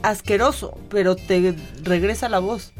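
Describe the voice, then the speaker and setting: A woman's voice: medium pitch, fairly even intonation, a little slow, faint music behind. A woman co-hosting a radio show, chatty and joking in casual conversation. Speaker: radio co-host. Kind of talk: casual chat.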